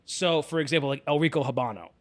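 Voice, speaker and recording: A man's voice: fairly high pitch, fast talker. Chatty man hosting a podcast. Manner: relaxed, chatty, many fillers and restarts. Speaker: podcast host. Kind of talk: casual conversation.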